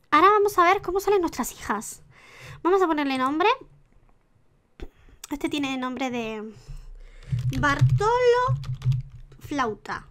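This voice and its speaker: Spanish woman, gaming creator, high bright voice, chatty commentary with counting and asides, keyboard clicks behind. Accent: Spanish (Spain), sliding into a put-on Argentine. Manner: chatty, counting rolls aloud, dropping to whispers. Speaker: gaming YouTuber. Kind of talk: casual Sims gameplay commentary.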